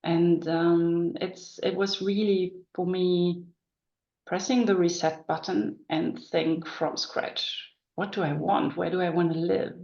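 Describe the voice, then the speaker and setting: In a casual interview recorded in an echoey, dull room, a middle-aged business coach from northern Germany speaks as a guest with a German accent. Her lowish, darkish voice is flat, slow and creaky, and she talks thoughtfully with many ums and restarts.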